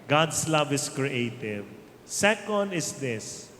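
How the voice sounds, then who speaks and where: Slow, emphatic Filipino male preacher. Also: medium pitch, big pitch swings, a bit bright. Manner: slow, emphatic preaching that mixes Tagalog and English, with jokes to the crowd. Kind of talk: sermon. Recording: reverberant hall, faint ambient noise.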